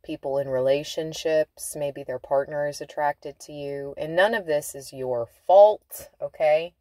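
Slow, low-voiced woman reading tarot. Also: warm tone, dry recording. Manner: chatty, laughing, drawn-out emphatic words. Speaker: tarot reader. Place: inside a car.

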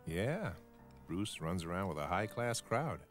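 Confident young male prosecutor, animated series. Deep-ish, very lively delivery, self-assured and chummy. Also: a little slow. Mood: easygoing, chummy. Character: confident, easygoing young male district attorney. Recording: loud music behind the voice.

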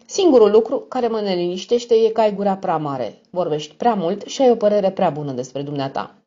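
A woman's voice: mid-range voice, lively intonation, mellow, close to an everyday voice. A woman voicing a cold, reserved and tired young woman. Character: weary, cold young woman under threat. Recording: dull lo-fi recording.

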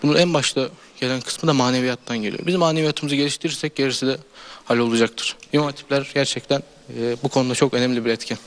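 A teenage boy, a high school student, giving earnest, speech-like answers in an interview, with many hesitations. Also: fairly even intonation, fast. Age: teens.

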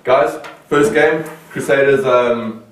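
Guy hosting a rugby-type chat show, goofy and rambling, sounds far from the mic in a big echoey room. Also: mid-range voice. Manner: loose, joking, halting with fillers. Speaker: show host. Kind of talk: casual sports chat. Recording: roomy, distant mic, faint noise.

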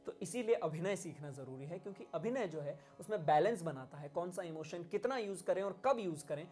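Indian guy music teacher, acts out little lines as he explains, soft music behind. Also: high voice, animated, brisk. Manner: demonstrative, acts out emotions and lines. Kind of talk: spoken music lesson.

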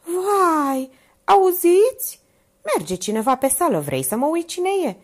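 A woman voicing a panicky, talkative, easily frightened woman who exclaims in a shrill, breathless way. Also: animated, a little mellow. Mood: alarmed.

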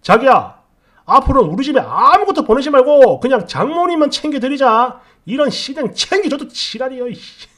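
A fed-up young husband, voiced by a woman narrator, loud and blunt as he barks into the phone. The voice sits higher than a man's and swings lively in pitch. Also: normal speed. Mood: furious.

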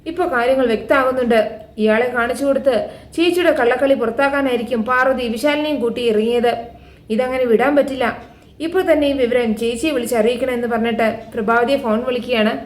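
A woman recapping a TV serial episode in a steady, chatty storytelling way, voicing every part herself. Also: a little high, fast. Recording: echoey room.

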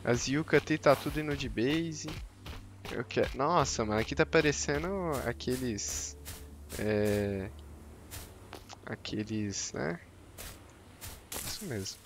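A man's voice: mid-range voice, slow pace, long pauses, music in the background. A man giving slangy, joking gameplay commentary on a live stream and teasing his chat. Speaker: game streamer.

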